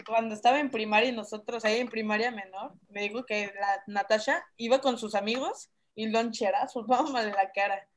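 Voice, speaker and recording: A young woman talks casually and eagerly about school memories. Her voice sits somewhat high. Faint background noise is heard. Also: fairly even intonation, a little fast, few pauses. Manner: eager, prompts memories with questions. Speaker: former classmate. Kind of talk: casual chat.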